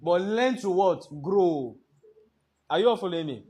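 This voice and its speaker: A man's voice: high voice, expressive, moderate pace, dark tone. A man teaching a trading class, lecturing in a classroom and constantly quizzing students with fill-in-the-blank questions. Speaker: trading instructor.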